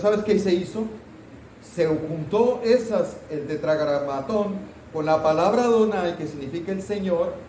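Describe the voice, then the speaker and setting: A man teaching a Bible class in a chatty, questioning way, calling on his students and teasing them a little. His voice is mellow and sits a bit high for a man. He is heard from some distance in an echoing church room. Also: slight background noise. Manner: conversational, asks the class questions, mock scolding asides. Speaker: pastor teaching Sunday school. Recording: roomy church hall, voice from off-mic.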